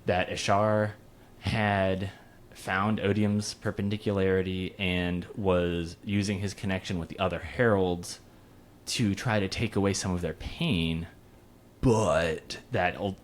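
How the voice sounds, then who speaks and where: A man with a lowish voice chats casually as a podcast co-host. He rambles, restarts his sentences and repeats words while working through his thoughts. He sounds like a young adult. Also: fairly even intonation, a little slow, slight background noise. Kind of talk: casual chat.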